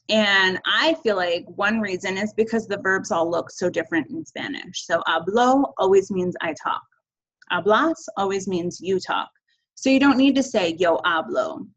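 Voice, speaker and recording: A woman's voice: mid-range voice, fairly bright tone, highs cut off. Upbeat woman teaching a recorded lesson. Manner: chanting verb endings, upbeat and encouraging. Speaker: Spanish teacher. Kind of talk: recorded classroom video lesson.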